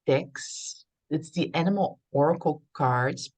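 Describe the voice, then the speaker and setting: A woman's voice: sits low, slow, a little mellow, slightly rough. A woman co-hosting a casual chat show, giggly and agreeable, often chiming in. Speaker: co-host of a spiritual show.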